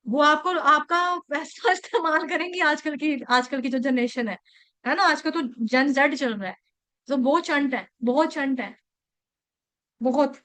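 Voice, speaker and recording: High-voiced young woman telling devotional stories. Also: unhurried, a bit bright. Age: young adult. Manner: conversational storytelling, frequent checks like "okay" and "right". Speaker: devotional speaker. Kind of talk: devotional scripture talk with stories.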